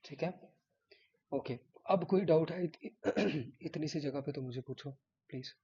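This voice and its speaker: A man teaches a coding class in a loose, chatty way, repeating points and checking in with students. His voice is mellow and slightly husky and sits a little high. The recording sounds dull and lo-fi. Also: measured pace. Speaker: programming teacher. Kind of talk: live coding lecture.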